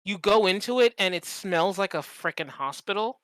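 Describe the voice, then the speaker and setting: Casual and comedic, this podcast co-host tells animated stories, acts out examples, and swears freely. The mid-range voice moves at normal speed, and the recording is dry.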